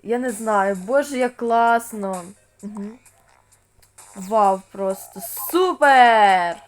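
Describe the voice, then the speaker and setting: A woman voicing every part of a toy game role-play, speaking softly as she switches between cashier, parent and child. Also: mid-range voice, slow, faint music behind. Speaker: channel host playing all parts.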